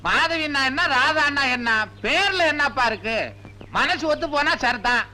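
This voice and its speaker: An actor playing a jovial older family friend who talks in a reassuring way. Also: male voice, very high voice, expressive, normal speed, sharp tone, heavily acted. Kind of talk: film drama acting.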